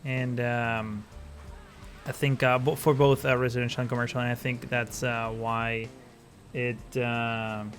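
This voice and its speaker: Male host, mid-pitched voice, laid-back rambling gameplay commentary, faint music underneath. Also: measured pace. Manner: relaxed, rambling, many fillers and self-corrections. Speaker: gaming channel host.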